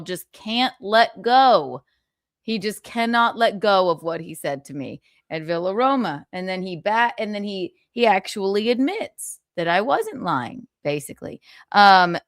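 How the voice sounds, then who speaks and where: A woman's voice: medium pitch, fairly bright tone, clean tone, dry recording, clean studio sound. Theatrical, sassy woman hosting a livestream. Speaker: live stream host. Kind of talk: casual gossipy livestream chat.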